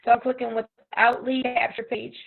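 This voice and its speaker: A woman's voice: fairly high pitch, moderate pace, gravelly. Woman with a robotic, metallic voice on a video call. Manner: steady step-by-step explaining. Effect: robotic, metallic call audio. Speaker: presenter teaching a product demo. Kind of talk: online group tutorial. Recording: tinny phone-like call line.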